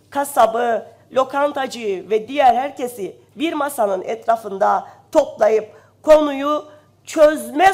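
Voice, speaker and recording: A woman speaks into a rostrum microphone in a parliament chamber. Her voice sits fairly high and swings widely in pitch as she presses her points. The delivery is impassioned and indignant, rising to loud emphasis, and she is slightly ill. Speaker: member of parliament. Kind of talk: parliamentary speech.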